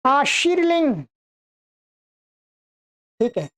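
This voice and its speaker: A woman teaching a language class, reciting verb forms one by one in a slow, deliberate chant for students to repeat. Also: high voice, sing-song, fairly bright tone. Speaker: Sanskrit teacher. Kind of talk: reciting verb conjugations in a lesson.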